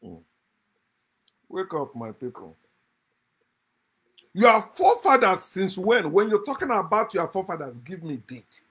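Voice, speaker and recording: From his desk indoors, a middle-aged channel host gives the camera a fiery, scornful rant, chuckling as he goes. His high, slightly bright, husky voice swings hugely in pitch, and he speaks a little slowly with frequent pauses.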